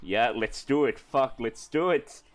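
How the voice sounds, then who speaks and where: A man's voice: mid-range voice, measured pace. A man playing a tabletop role-playing game, chatting casually as he describes his moves.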